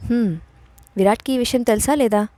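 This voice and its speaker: A woman's voice: fairly high pitch, fairly quick, mellow, no echo, close to an everyday voice. A woman voicing a sarcastic, threatening young man. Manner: mocking, curt warnings.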